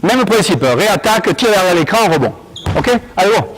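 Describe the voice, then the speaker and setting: Animated high-voiced male basketball coach. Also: low-quality recording. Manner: animated, barking quick commands to players. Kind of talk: on-court coaching session. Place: indoor basketball court.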